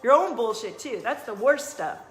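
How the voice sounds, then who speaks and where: A fairly high-voiced woman coaching viewers on a live stream, chatty and motivational in tone. Her voice rings in an echoey room, with faint music playing behind her. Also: animated, moderate pace, a bit bright. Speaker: life coach and energy reader. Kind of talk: casual live-stream talk.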